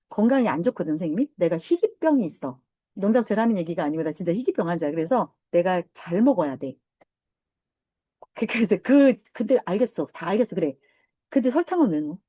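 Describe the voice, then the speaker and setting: A woman English teacher lecturing a high school class, drifting into chatty personal stories. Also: mellow, no echo. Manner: chatty, banmal asides, quick tangents. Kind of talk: lecture mixed with casual storytelling.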